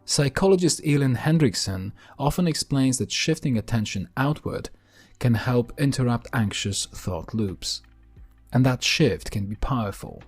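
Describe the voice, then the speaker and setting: A man hosting a podcast in a calm, gentle, unhurried way, narrating a scripted grounding exercise with deliberate pauses. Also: medium pitch, husky, soft background music. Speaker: podcast host.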